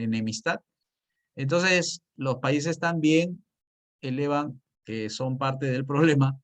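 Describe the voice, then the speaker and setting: Lively man lecturing with rhetorical questions. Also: mid-range voice. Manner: frequent hesitations and restarts. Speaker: economics teacher. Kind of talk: spoken lecture.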